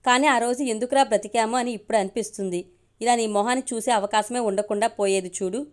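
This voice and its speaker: A woman's voice: a little high, steady tone, fast, natural voice. A woman doing a harsh, cold woman doctor. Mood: scornful. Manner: cutting, scornful.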